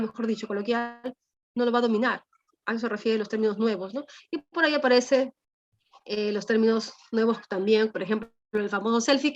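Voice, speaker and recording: A woman teacher, explaining a language lesson to her class and often checking in with her students through tag questions. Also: fairly high pitch. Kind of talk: class lecture. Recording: dull lo-fi sound.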